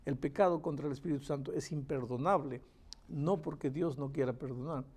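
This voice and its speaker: A man explaining scripture in a recorded Bible study. His voice sits fairly high for a man but sounds mellow and dark. He leans on repetition to drive points home. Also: a little fast, husky. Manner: emphatic, repeats phrases for stress, reads verses aloud. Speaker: Bible teacher. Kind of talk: Bible study answering questions.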